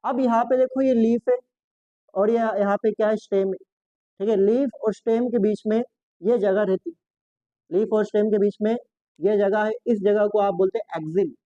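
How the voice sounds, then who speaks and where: A man's voice: sits high, fairly even intonation, normal speed, dark tone, no echo, dull audio. A man teaching a biology lesson for exam prep, asking questions and answering them himself, repeating key terms and mixing Hindi with English science words.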